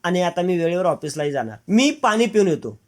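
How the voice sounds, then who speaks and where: A man's voice: sits high, sing-song, a little fast. A man reading the lines of a fussy, boyish young husband who is prim and pleased with his routine. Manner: prim, self-satisfied about routine.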